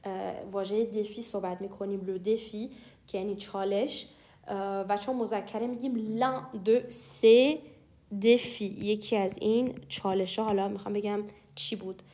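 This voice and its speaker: A young woman teaching French grammar. She explains patiently and slows down to spell out example phrases. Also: mid-range voice, steady tone, warm tone. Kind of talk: explaining lesson.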